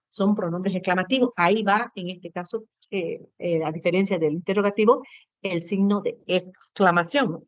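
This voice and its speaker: A woman's voice: mid-range voice, no echo. A woman teaching a Spanish grammar class to students, explaining patiently and tagging her sentences with short questions. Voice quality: keeps adding tag questions, asks and answers herself. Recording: dull, lo-fi, dry sound.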